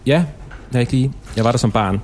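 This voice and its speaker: A man from Aarhus, a podcast guest in a noisy café, answering in evasive, deadpan comic banter with lots of hesitation. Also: medium pitch. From Aarhus, Denmark. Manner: evasive, defensive, hesitant with many fillers.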